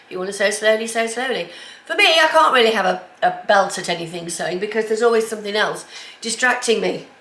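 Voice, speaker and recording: Speaking fast with hardly a pause, a sewing vlogger with a mid-range, slightly bright voice rambles casually through a cold that has her all bunged up. Her many ums echo around the home kitchen, where faint background noise can be heard.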